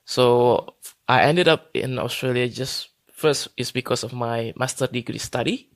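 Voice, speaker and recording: A man's voice: mid-range voice, measured pace, dry recording. A man in his thirties from Indonesia, speaking as a guest on a remote interview, hesitant, with many fillers and restarts. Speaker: guest consultant. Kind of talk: casual interview talk.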